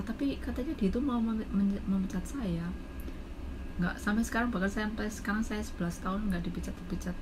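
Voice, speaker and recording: A woman in her thirties with a Javanese Indonesian accent, chatting through a story for her vlog at a middle pitch. She talks animatedly, putting on the voices of the people she quotes. Steady background noise sits under her voice. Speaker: domestic worker vlogger. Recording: noisy background.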